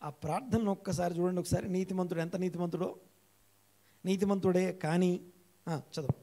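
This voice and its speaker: A male pastor with a high voice and a gravelly edge preaching an interactive church sermon. He repeats key phrases to drive them home and keeps putting questions to his listeners. He slows down and lifts his voice when he reads scripture aloud. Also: fairly even intonation, dark tone. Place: church hall.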